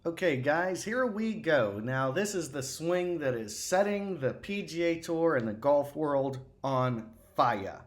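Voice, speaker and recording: A middle-aged man who works as a golf instructor, giving excited swing-analysis commentary over video, rambling with many fillers and restarts. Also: on the high side, slow pace, few pauses.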